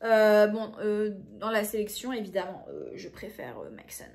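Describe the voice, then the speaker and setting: A woman's voice: mid-range voice, big pitch swings, normal speed, darkish tone. A woman in her late twenties, a book vlogger chatting casually to camera and thinking aloud with lots of fillers. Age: late 20s.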